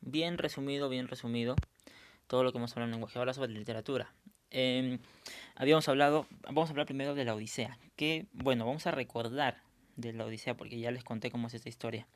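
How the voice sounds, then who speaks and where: A man's voice: mid-range voice, steady tone, quick pace. Man teaching a review lesson. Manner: explanatory, frequent check-ins with students. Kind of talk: recorded review lesson for students.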